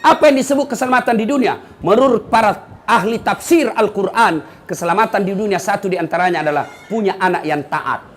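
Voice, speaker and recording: A man preaching a humorous sermon to an audience, lively and teasing, mimicking the people he talks about. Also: high voice, brisk, slight background noise. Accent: Makassar.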